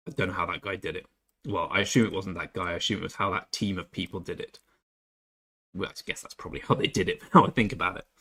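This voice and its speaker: Here the young Englishman has a low voice with a fairly bright tone. Chatty and self-deprecating, he reads out the chat and jokes about himself during a relaxed game stream.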